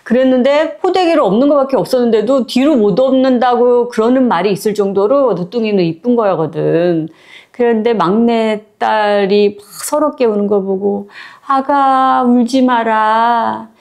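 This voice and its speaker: A woman's voice: a little high, normal speed, mellow. A woman casually retelling a short story in a chatty, conversational way, with plenty of fillers. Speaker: book storyteller.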